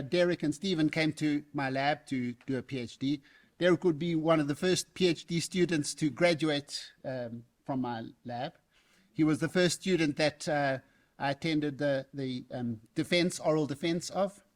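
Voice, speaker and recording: A man, an academic, giving a formal response to an inaugural lecture, telling a reflective story with small hesitations. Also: a little high.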